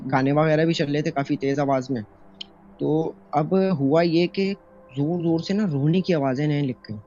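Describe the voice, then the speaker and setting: A young man from Pakistan rambles through a personal horror story in a phone voice note, full of fillers and restarts as he recounts his own encounter. His voice is mellow and medium-pitched, and the recording is dull and lo-fi with faint music.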